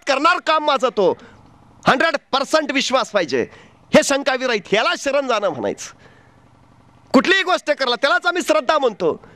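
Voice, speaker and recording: A man's voice: very high-pitched, sharp tone, no echo. A man giving a fervent motivational speech, telling stories and asking rhetorical questions. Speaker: motivational speaker.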